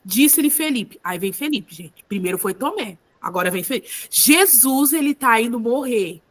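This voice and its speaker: A woman's voice: on the high side, moderate pace. A woman leading a women's Bible study, preaching in a conversational way with tag questions and acted-out voices. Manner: animated, acts out biblical voices. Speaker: women's group leader.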